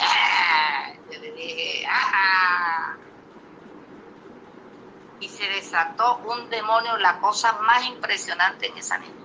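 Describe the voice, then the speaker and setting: A woman's voice: mid-range voice, bright, forceful tone, slight background noise, poor audio. A woman preacher telling a testimony in a sermon, emphatic and storytelling, often turning to the congregation with rhetorical questions.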